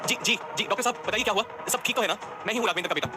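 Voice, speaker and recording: A man plays a troubled young man in an audio story, earnest and emotional. The voice is a touch high, with music under it. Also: very fast, lightly acted. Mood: panicked.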